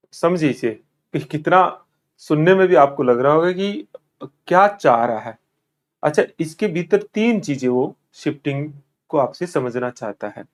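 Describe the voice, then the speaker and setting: A male teacher from India, giving an exam-preparation lecture in a thoughtful, explanatory way with frequent pauses. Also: fairly high pitch.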